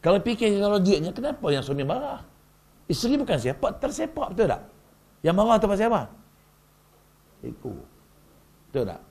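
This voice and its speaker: A male religious lecturer with a gravelly, slightly husky voice, his pitch swinging widely as he speaks. He keeps tossing rhetorical questions to the crowd in a lively, joking teaching manner. He is speaking in a mosque hall. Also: brisk, long pauses. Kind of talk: humorous religious workshop talk.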